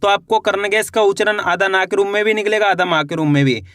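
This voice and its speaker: A man's voice: sits high, quick pace, a bit bright, no echo, clean studio sound. A man teaching Hindi reading, sounding out each word syllable by syllable and repeating it, encouraging his viewers. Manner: encouraging, addresses viewers as friends. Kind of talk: slow spelled-out reading lesson.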